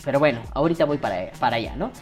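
A man's voice: medium pitch, expressive, very fast, a little mellow, faint music behind. A Mexican man hosting a casual commentary, crude and sarcastic as he critiques another creator. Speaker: vaping commentary host. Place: at his desk on camera.

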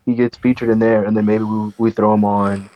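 A young man co-hosting a podcast in relaxed, slangy casual chat. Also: lowish voice, brisk, no room sound. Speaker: podcast co-host. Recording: dull dry recording.

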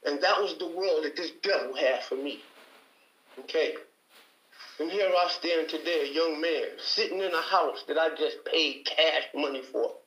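This heated-debate testimony comes from a panel guest from Detroit, Michigan, who preaches emphatically and repeats himself for emphasis. His fairly high, slightly bright voice moves at a moderate pace, in a rough, roomy recording.

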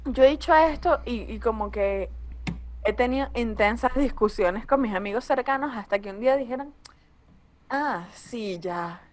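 A young woman comedian with a Venezuelan accent, talking casually and bluntly, swearing freely in a relaxed conversation. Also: fairly high pitch. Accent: Venezuelan Spanish. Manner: blunt and profane, quick asides.

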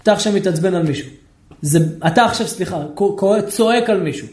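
A man, a rabbi, teaching a lively Torah lesson, questioning his listeners and acting out shouting people. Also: high-pitched, reverberant. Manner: animated, asks the audience questions, acts out shouting people.

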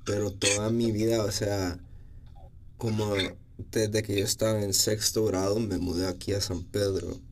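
A man's voice: lowish voice, level tone, unhurried. A man with a Honduran Spanish accent, a music producer talking in a laid-back, casual way. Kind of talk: casual interview chat.

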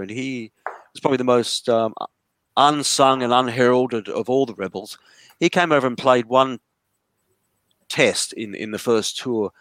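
A man's voice: mid-range voice, dry recording. Male interview guest, mid-range voice, dry close sound, rambling storyteller. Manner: rambling storytelling with frequent restarts. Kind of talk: conversational interview. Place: lives in a large city.

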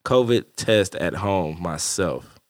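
A man's voice: low voice, takes it slowly, no room sound, clean studio sound. A man co-hosting a casual podcast chat, sounding slightly nasal from a cold, laid-back and profane, laughing often. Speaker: podcast co-host.

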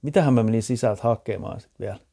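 Easygoing man with a mellow voice. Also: lowish voice, creaky, breathy edge. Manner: easygoing, joking, laughs often. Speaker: podcast co-host. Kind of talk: casual chat. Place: outdoor porch.

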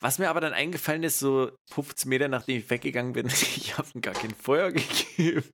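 A man's voice: medium pitch, fast talker, a little hiss or hum. A young man from eastern Germany, co-hosting a podcast in casual chat and telling stories with acted-out dialogue and frequent laughter. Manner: animated storyteller who acts out voices and laughs often. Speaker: podcast co-host.

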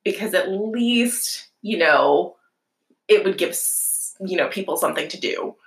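Young woman, podcast guest, sarcastic and wry, casual chat, mid-pitched, roomy echoing sound. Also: animated, a little slow. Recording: roomy echo.

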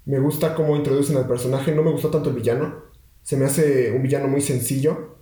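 A young man talks in a loose, rambling way, often stopping and restarting with fillers. His voice is mellow and dark, sitting at an ordinary pitch. The sound carries a roomy echo. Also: fairly even intonation, a little fast. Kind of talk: casual chat.

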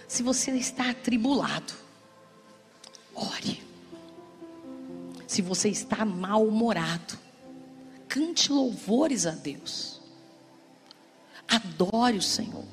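A woman pastor preaching a sermon in an animated, theatrical way, acting out everyday examples. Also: medium pitch, vocal fry. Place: church service. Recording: long church reverb, music behind.

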